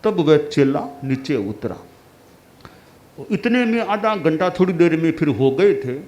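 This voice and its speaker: Brief: male preacher, slow, measured, fairly high voice, telling a parable in a sermon. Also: sing-song, a little mellow. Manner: unhurried, storytelling with acted dialogue. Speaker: spiritual teacher.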